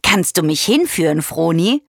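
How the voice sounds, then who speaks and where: A woman voicing a young, curious female giraffe in a children's story, sounding eager and gentle. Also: on the low side, very animated, moderate pace, creaky, no echo, studio quality, full character voice.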